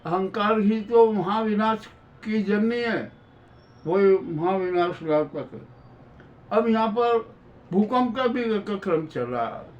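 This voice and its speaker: High-pitched man, slow news commentary. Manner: conversational, rhetorical questions, repeats phrases for emphasis. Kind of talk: opinionated spoken news commentary. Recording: dull lo-fi, distant from the mic.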